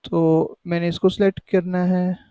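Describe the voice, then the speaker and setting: High-voiced man explaining a tutorial. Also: flat delivery, normal speed, mellow, smooth, no echo, dull audio. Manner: conversational, repeats "ठीक है" to check in. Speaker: tutorial host. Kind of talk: casual screen-recorded tutorial.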